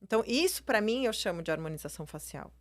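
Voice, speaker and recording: This woman, a plastic surgeon, talks quickly in Brazilian Portuguese with a mid-range voice and lively intonation. She explains her views casually in an interview, using frequent filler words and tag questions such as "né" and "entendeu."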